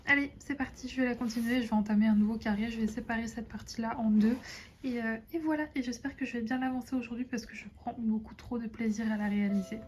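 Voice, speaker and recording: A young woman chatting casually to her viewers from her desk at home, relaxed and full of hesitations. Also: on the high side, quick pace. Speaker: vlogger. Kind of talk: casual chat to camera. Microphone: phone camera.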